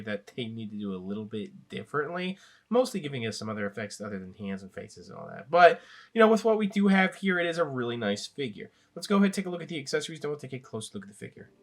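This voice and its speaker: Hosting a laid-back toy review, a man with a medium-pitched voice sounds raspy due to a sinus infection. He rambles comfortably and leans on filler words.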